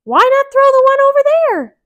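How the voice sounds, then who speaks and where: Woman as squeaky, plucky Mickey Mouse. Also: big pitch swings, normal speed, muffled recording. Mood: cheeky. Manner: squeaky, chirpy, challenging. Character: small plucky cartoon mouse hero, male, cheeky and daring. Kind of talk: children's storybook character voice.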